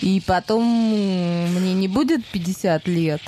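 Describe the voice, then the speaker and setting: A woman's voice: mid-range voice, slow pace, mellow, slight background noise. A woman co-hosting a casual studio chat, making dry, dismissive, misanthropic quips. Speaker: co-host.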